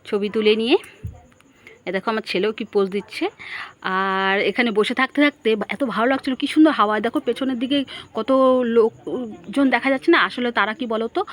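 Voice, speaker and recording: A woman's voice: fairly high pitch, fairly even intonation, brisk, a bit bright. A woman narrating a casual family vlog, chatting straight to her viewers and asking them questions. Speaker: family vlogger.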